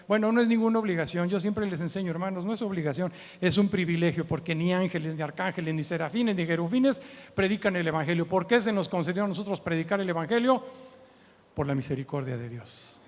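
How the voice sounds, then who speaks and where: Speaking quickly in a high-sitting voice, a Mexican man in his early seventies from Mexico City teaches in a church meeting hall as a guest preacher and missions trainer. His style is informal, conversational, and humorous, packed with anecdotes and short tag questions seeking agreement, all in a Mexican accent. The church sound carries a long hall reverb.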